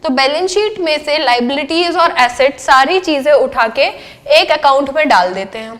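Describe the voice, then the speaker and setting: A woman's voice: high-pitched, expressive, moderate pace, a bit bright. A young woman lecturing on accountancy, mixing English terms into her Hindi and asking her class questions that she answers herself. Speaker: accountancy teacher.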